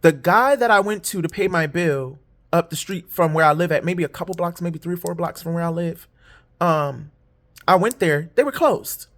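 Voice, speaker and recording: A woman's voice: animated, normal speed. Rambling, candid woman telling a story. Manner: rambling and candid, swears freely, repeats fillers; jumps high when quoting others. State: tired, yawning. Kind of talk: casual storytime monologue.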